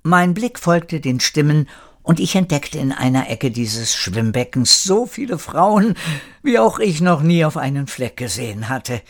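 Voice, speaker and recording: A man reading a children's story aloud in a calm, measured way. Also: a little high. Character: old parrot narrator recalling the past. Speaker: narrator.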